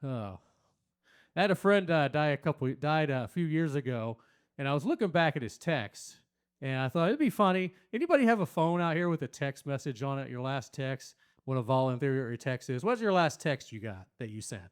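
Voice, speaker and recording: On a small stage, a man performs a crude, rambling stand-up set, talking with the crowd and doing loud, silly voices for quotes. His mid-range voice is sing-song and clean, at a moderate pace.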